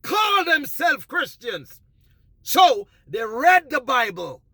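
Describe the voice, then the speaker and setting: Brief: high-pitched, husky man, very animated preachy delivery, swings between loud and quiet. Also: slow pace, no echo, clean studio sound. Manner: emphatic, preachy, rises to near shouting. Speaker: vlogger giving advice. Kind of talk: passionate monologue.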